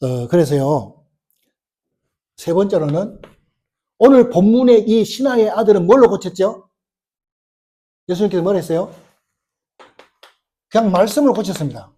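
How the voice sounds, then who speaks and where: A man's voice: sits high, animated, moderate pace, pauses often, dark tone. A male pastor preaching a sermon, telling a story with many rhetorical questions and acting out the quoted lines. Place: church sanctuary.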